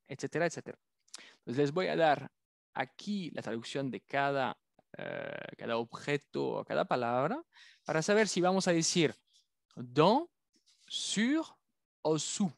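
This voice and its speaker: A man's voice: on the high side, dry recording, studio quality. A man teaching a French lesson, carefully drawing out and repeating each French word for his learners. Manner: careful, drawn-out pronunciation of French words. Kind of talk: language lesson.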